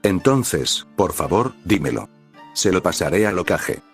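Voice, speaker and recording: A man's voice: low voice, expressive, a little slow, soft background music. A man voicing a flustered, rule-bound adult male ninja teacher in a storybook reading, earnest and explanatory.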